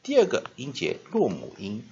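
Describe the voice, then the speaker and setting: At a whiteboard, a man teaches English vocabulary step by step, spelling out words and frequently stretching a filler "ah." His medium-pitched voice swoops wildly and sounds gravelly yet mellow, at a normal speed. The recording is dull and lo-fi.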